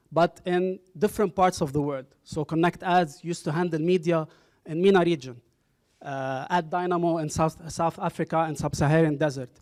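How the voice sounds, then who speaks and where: A male presenter at a university workshop speaks in a fairly high voice, relaxed and halting with frequent ums and uhs, during a conference presentation. He uses a handheld microphone in a lecture hall, and the hall mic sound comes through.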